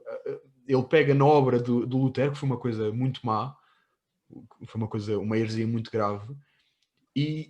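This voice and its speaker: A man hosting a casual podcast chat, measured and reading a quotation aloud. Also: on the high side, darkish tone.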